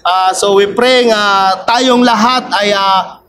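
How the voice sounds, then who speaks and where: Male vlogger, very high pitched, chatty and direct to camera. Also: steady tone, slow pace, sharp tone. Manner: keeps addressing viewers, tags lines with a questioning "no?". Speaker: vlogger, political commentator. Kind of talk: casual commentary to viewers.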